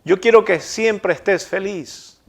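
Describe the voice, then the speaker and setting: A loving old apple tree speaks in a storybook telling, tender and pleading, its voice lifted a little higher than the teller's own, as a preacher puts it on. The tone stays soft and giving, set above a fairly high male voice. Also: slow, vocal fry, full character voice.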